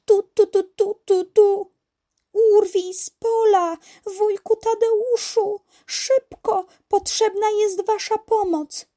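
A woman's voice: very high-pitched, slow pace, voice pushed up. A woman voicing a timid little female kitten in a children's story. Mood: excited. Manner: timid, then excited and eager.

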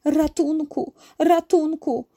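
A woman's voice: sits high, unhurried, mellow, pitched above the performer's own voice. Woman doing a frightened pleading dolphin. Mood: urgent. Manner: urgent, pleading. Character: frightened dolphin begging for help.

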